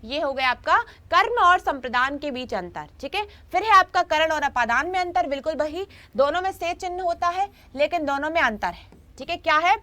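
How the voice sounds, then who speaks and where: High bright-voiced woman teaching. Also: expressive, a little fast. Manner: repeats points and keeps checking in with students. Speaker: Hindi grammar teacher. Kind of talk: online class lesson.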